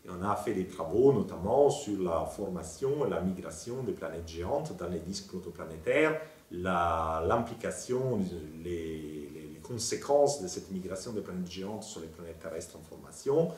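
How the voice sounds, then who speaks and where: A man, thoughtful and explanatory, pausing now and then to find his words. His voice sits low, and the recording carries the echo of an office lined with bookshelves, picked up from a distance off the mic. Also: animated, darkish tone. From Italy. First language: Italian. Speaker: planetary scientist. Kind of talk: interview monologue. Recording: roomy, from off-mic.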